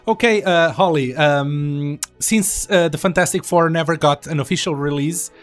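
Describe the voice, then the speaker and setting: A man's voice: on the high side, moderate pace, soft background music. A man hosting a podcast interview, talking casually with fillers. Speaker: podcast host.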